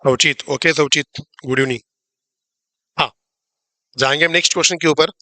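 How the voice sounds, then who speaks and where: A male maths teacher, talking a little high for a man. He walks through each step slowly and says it again, with the odd joke for his online students. The sound is close and dry, with no room in it. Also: fairly even intonation, sharp tone, no room sound. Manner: explains step by step and repeats key points; chatty, jokes with students about the live class. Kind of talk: live online class teaching.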